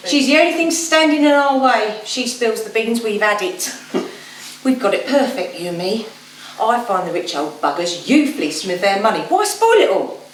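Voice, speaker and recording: A ruthless schemer voiced by a woman talks in coarse slang and turns falsely genteel when others are near. Her voice is high and lively. It comes from far off on an echoey stage. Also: moderate pace. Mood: hard-nosed. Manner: coarse working-class English slang that turns posh and genteel in company. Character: ruthless female schemer, con man's accomplice. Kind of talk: amateur stage play.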